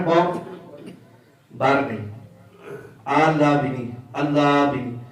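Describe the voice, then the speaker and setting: Man teaching recitation in an echoey room. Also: fairly high pitch. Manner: drawn-out chanted demonstrations of phrases; repeats and corrects pronunciation patiently. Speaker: religious teacher. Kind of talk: recitation lesson. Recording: echoey, distant from the mic.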